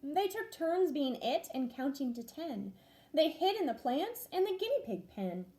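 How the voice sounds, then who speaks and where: With a bright, high voice, a young first grade teacher reads a rhyming picture book at an unhurried pace. Her animated, sing-song storytelling rises and falls with the verses.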